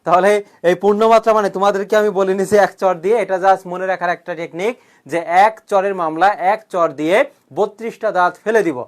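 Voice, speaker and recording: A man's voice: sits high, steady tone, fairly quick. Man drilling students with quiz questions. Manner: jokingly threatens students who have not shared the class; clears his throat often. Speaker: coaching teacher. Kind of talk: online grammar lecture.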